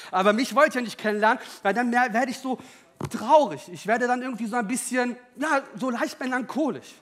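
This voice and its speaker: A man preaching a sermon, moving between loud emphatic calls and quiet, joking personal asides. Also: extremely high pitch.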